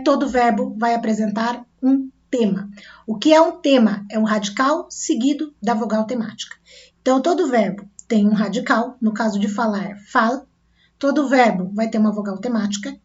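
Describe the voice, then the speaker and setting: Brazilian woman teacher on a dull recording. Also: a little high. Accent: Brazilian Portuguese. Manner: explains step by step, often checks in with the class. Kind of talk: recorded grammar lesson.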